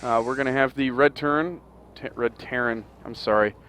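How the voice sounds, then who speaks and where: A man doing play-by-play commentary on a live game match. He makes short, upbeat calls on the action and keeps nodding along to his partner with quick "mm-hmm"s. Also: mid-range voice, smooth. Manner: energetic play-by-play, short calls and agreeing backchannels. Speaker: esports caster.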